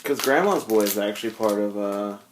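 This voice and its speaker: A man's voice: fairly low pitch, brisk, a little hiss or hum. A man co-hosting a podcast, chatting casually and jokingly about a film, laughing often. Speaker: podcast co-host. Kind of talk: casual movie chat.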